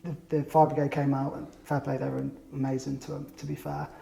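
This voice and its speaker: A man's voice: mid-range voice, completely flat delivery, fast, creaky, mellow, echoey room. A man, a business-owner guest telling rambling stories with lots of restarts in casual chat. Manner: rambling anecdotal storytelling with restarts.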